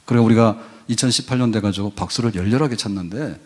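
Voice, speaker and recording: A man's voice: fairly low pitch, fast talker. An older man preaching a sermon as pastor in a church, folksy and conversational, rising to emphatic peaks. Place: church sanctuary.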